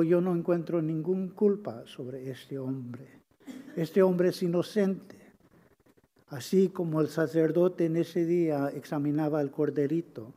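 High-voiced preacher with hall reverb. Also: male voice. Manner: swings between loud proclamation and hushed low delivery; repeats key phrases, stumbles over words. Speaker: pastor. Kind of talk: sermon.

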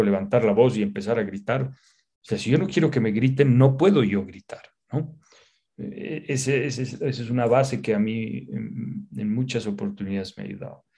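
Thoughtful man, low voice. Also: a little mellow. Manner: thoughtful, reflective, with many restarts. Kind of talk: casual conversation.

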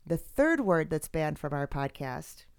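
Low, gravelly woman co-hosting a podcast. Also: sing-song, measured pace, dry recording, clean studio sound. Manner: emphatic, repeats herself for effect. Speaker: podcast co-host. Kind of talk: casual chat.

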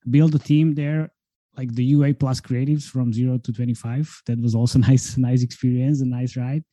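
Mellow relaxed man from Slovakia. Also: medium pitch, normal speed, dry recording. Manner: relaxed, chatty, laughs often, many fillers. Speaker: guest, marketing consultant. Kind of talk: casual interview talk. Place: home, daughter's room.

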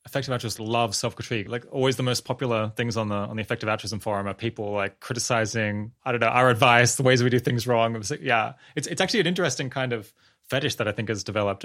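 A man hosts a podcast, asking questions in a relaxed, chatty way. He speaks fast at a middle pitch and often nods along with a quick "yeah.". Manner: quick, casual, affirming with "yeah". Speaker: podcast host. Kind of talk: conversational interview.

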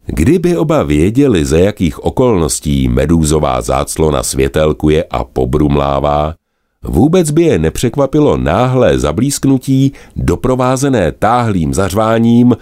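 A man with an extremely deep voice narrates a fairy tale, swinging his pitch widely and expressively. The recording is dry and close. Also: no room sound. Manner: lively, expressive telling. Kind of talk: storybook narration.

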